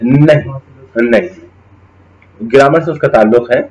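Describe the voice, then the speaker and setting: A man's voice: medium pitch, a little slow, a little mellow, dull audio. Man teaching a creed lesson in Urdu. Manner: explains Arabic terms, checks in with students; recites Quranic Arabic verses. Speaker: Islamic studies teacher. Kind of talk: classroom lecture on creed.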